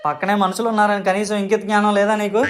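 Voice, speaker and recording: A woman voicing a cheeky, lazy teenage schoolboy in an animated comedy who talks back and complains. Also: mid-range voice, over music, close to an everyday voice. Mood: ranting. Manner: quick, mouthy, complaining.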